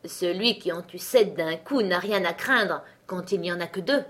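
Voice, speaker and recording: A woman's voice: on the low side, moderate pace, a bit bright, close to an everyday voice. A woman voicing a boastful, cunning little male tailor in a read-aloud fairy tale, cocky and swaggering. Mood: pleased.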